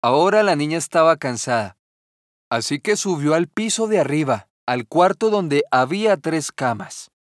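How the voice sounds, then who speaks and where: A man narrating a children's fairy tale in a gentle, measured storytelling manner. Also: a little high, lively intonation, dry recording, clean studio sound.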